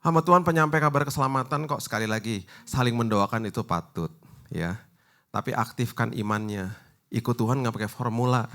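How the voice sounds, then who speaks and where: A man's voice: medium pitch, brisk. A man preaching a sermon as pastor of a church, telling stories in casual style speech with English phrases mixed in. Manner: animated storytelling, mixing casual slang and English phrases. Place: church sanctuary.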